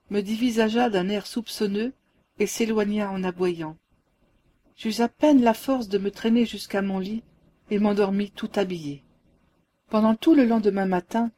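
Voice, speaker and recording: A woman reading a ghost story aloud as a calm, measured narrator. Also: mid-range voice. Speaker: audiobook reader. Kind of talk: scripted narration.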